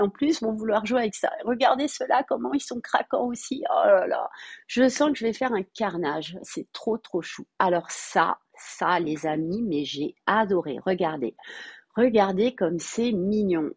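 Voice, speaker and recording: Bubbly husky-voiced woman gushing over finds. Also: mid-range voice, no room sound. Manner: gushing, bubbly, breaks into little sung bits. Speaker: vlogger showing store finds. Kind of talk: enthusiastic product haul chat.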